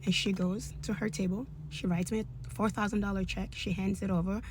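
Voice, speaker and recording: Animated woman telling a testimony. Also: medium pitch, brisk, noisy background. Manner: animated, emphatic, acts out dialogue. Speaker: influencer sharing a faith testimony. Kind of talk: casual storytelling testimony.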